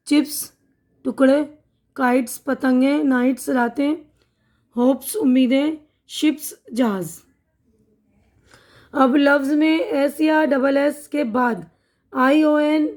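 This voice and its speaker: A woman's voice: sits high, darkish tone. A woman teaching English pronunciation in Urdu with a Pakistani accent, reading out words one by one and giving each meaning in a patient classroom manner. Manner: reads word lists slowly, pairing each word with its meaning. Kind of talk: slow classroom-style lesson explaining pronunciation.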